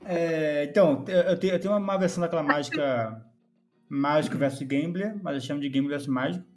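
A man's voice: a little high, brisk, a little mellow, soft background music. Young man bantering playfully. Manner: playful, mock-indignant banter. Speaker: podcast co-host. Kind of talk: casual chat.

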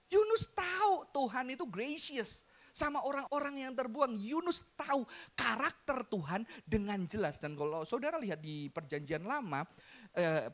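A man preaching a sermon to his congregation, animated and joking, mixing in English phrases. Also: extremely high pitch. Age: adult, father. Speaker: pastor.

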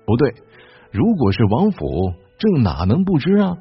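A man's voice: medium pitch, huge pitch swings, unhurried, breathy edge, highs cut off, faint music behind, exaggerated voice. A man voicing a suspicious Ming-era emperor who muses aloud and questions his ministers. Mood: musing. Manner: musing, probing questions.

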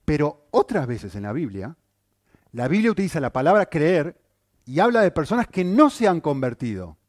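A male pastor preaching a sermon, animated, with rhetorical questions and frequent checks on his listeners. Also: on the high side, moderate pace, no room sound, studio quality.

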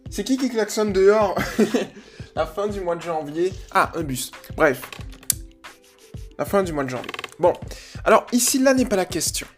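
A man's voice: sits high, animated, measured pace, pauses often, over music. A man hosting a casual solo dog-training podcast, rambling, joking and correcting himself as he goes. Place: indoors, alone by a wall.

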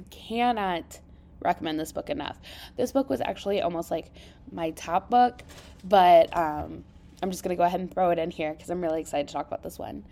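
A woman hosting a podcast, chatting casually and emphatically about books, with creaky vocal fry and congested sinuses. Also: fairly low pitch, fairly quick, mellow. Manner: informal, emphatic, enthusiastic. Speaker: podcast host. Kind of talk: casual book review chat.

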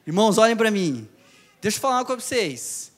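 A man's voice: high voice, sing-song, quick pace. A man with a Brazilian Portuguese accent preaching a sermon in a church. He talks animatedly, repeats his phrases and calls out to the congregation. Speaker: lay preacher.

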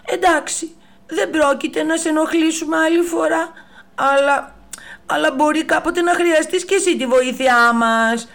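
A woman voicing two small, mischievous young monkeys in a storybook tale, talking back in a high, squeaky voice. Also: a bit bright. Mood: cheeky. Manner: squeaky, cheeky, quick.

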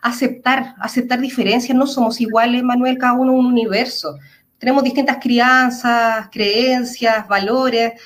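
A woman's voice: fairly high pitch, fairly even intonation, moderate pace. A woman with a Chilean accent, a psychologist explaining things earnestly in an interview, using everyday examples. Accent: Chilean Spanish.

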